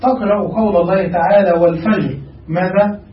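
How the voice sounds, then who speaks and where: A man's voice: sits high, normal speed, a little hiss or hum. A male grammar teacher giving a classical lesson, quizzing his students with frequent check questions. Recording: echoey room, far from mic, dull.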